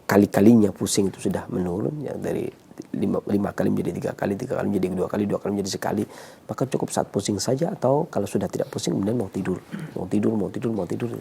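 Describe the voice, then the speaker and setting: Low, creaky, mellow male adviser. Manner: repetitive, checking with 'ya'. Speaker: herbal health consultant. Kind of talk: explanatory advice to callers.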